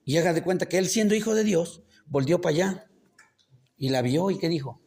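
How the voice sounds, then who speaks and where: A man's voice: fairly high pitch, expressive, a little fast, creaky, a little mellow. A man preaching a casual sermon. He keeps quizzing the congregation with rhetorical questions and makes joking asides. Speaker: pastor. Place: church.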